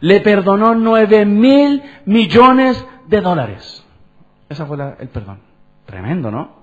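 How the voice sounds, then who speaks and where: Male pastor, high, animated, questioning sermon, dull lo-fi sound. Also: slow pace, crowd noise. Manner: conversational preaching, asks the congregation questions. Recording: dull lo-fi church recording.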